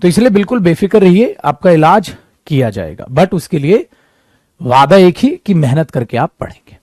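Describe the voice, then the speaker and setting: His pitch is fairly high and his delivery moderately paced as he teaches an English coaching class aimed at competitive exams. Addressing students as "beta" and "mere dost," the man lively enacts their doubts; the recording has no echo.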